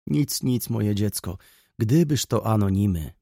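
A man's voice: on the low side, animated, measured pace, gravelly, dark tone, dry recording, clean studio sound, exaggerated voice. A man reading an audiobook, voicing an anxious, pious elderly mother who laments and frets. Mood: fretful. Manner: fretful, lamenting.

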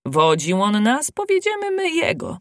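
A storyteller voicing a brisk, bossy gnome who speaks gruffly in a lowered voice. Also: wildly swooping pitch, a bit bright, dry recording, clean studio sound, heavily acted. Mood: urgent. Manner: gruff, commanding, low.

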